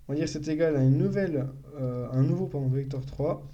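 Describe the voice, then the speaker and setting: A man's voice: a little high, a little fast, dark tone, lo-fi sound. A young man giving a casual live-stream coding tutorial, thinking aloud and correcting himself as he explains. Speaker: programming tutor.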